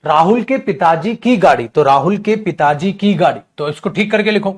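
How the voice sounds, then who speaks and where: Sitting high in pitch and speaking at a normal speed, this man runs an online coaching class on English grammar. His manner is lively; he addresses students as "beta" and supplies the answers to questions he poses himself.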